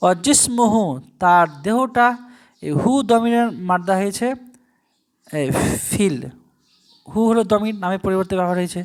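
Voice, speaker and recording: Teacher drawing out Arabic phrases slowly. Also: mid-range voice. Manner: chants the Arabic phrases slowly, then explains in quick Bengali asides; asks rhetorical questions to the listener. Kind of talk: recorded language lesson.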